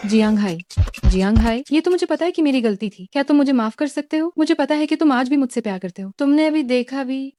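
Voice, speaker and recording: A desperate young ex-girlfriend, played by an actress in a dubbed drama, pleading and clinging. Her voice is high, mellow and dark in tone. The recording is dry and close. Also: no room sound, lightly acted.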